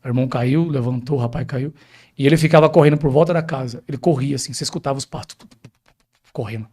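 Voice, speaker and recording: A man's voice: medium pitch, fast, dark tone. A man, a pastor telling a personal testimony in a podcast interview, emphatic and often addressing the host directly.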